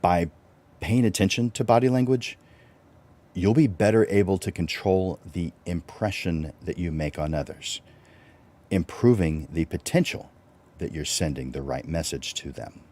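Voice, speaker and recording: A low-voiced man hosts a live-stream teaching talk in a relaxed, conversational way, full of fillers and restarts. He takes his time, never hurrying.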